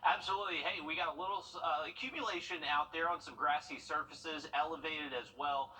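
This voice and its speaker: A man's voice: on the high side, fairly even intonation, a little fast, sharp tone, recorded from a distance, slight background noise, low-quality recording. A man giving a live, ad-libbed weather report as a television forecaster.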